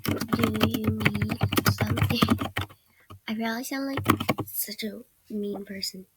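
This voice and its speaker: While playing a game on her computer, a sick teen girl whose voice is going gives casual, hesitant commentary for her gaming channel. She speaks slowly in a steady, mid-range voice, rambling and often trailing into quiet mumbles. The screen-recording mic on her computer picks up loud noise and clicks behind her.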